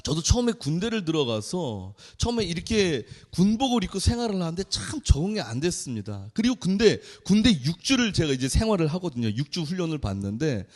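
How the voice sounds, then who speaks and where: A young man preaches in a church with a high, expressive voice that leaps up and down as he tells his stories. He acts out the voices of the people in them, and his words ring with a long reverb through the sanctuary. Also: fairly quick, hardly any pauses. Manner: animated storyteller, acts out quoted voices. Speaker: junior pastor. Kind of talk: sermon.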